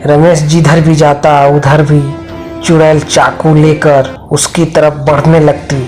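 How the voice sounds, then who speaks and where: A man's voice: fairly high pitch, little pitch movement, slow, darkish tone, faint music behind. A man narrating a cartoon horror story in a plain, repetitive way.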